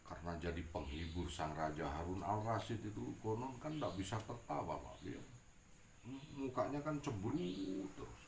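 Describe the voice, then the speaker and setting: A man preaches by telling a humorous story, joking as he goes. His voice is gravelly and swings widely in pitch. The recording is echoey, with faint noise behind it. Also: moderate pace. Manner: animated and joking, mixing in local slang.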